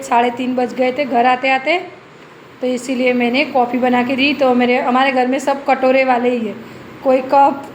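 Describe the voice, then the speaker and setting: A woman's voice: high-pitched, slight background noise. A woman narrating her day at home in a chatty family vlog, coaxing her pet now and then. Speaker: family vlogger.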